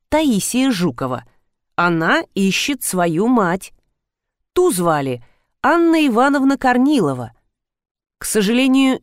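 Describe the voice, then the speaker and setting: A woman narrating an audiobook in a brisk, expressive first-person telling. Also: mid-range voice, no echo, studio quality. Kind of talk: audiobook reading.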